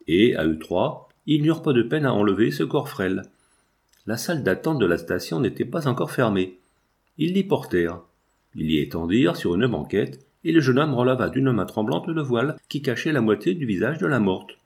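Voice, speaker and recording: Male audiobook narrator, measured and even reading of a classic novel. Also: mid-range voice, gravelly. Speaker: audiobook reader.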